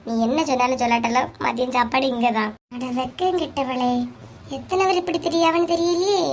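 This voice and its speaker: A woman voicing sharp-tongued village women in a cartoon comedy, with a Kanyakumari Tamil accent and a nagging, scolding way of talking. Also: high voice, fairly even intonation, brisk, slight background noise. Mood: bickering.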